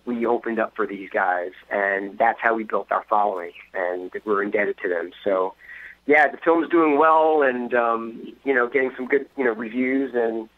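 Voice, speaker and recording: A man's voice: mid-range voice, normal speed, dry recording. A middle-aged man, a band member guest, rambling through a phone interview with lots of fillers. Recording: tinny phone line.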